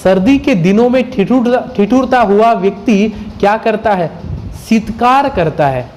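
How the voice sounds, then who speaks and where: Male grammar teacher, unhurried lecture delivery, quizzes the class and then answers himself. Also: high-pitched, animated, darkish tone. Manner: asks questions and answers them himself; sounds out letters one by one. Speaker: Sanskrit teacher.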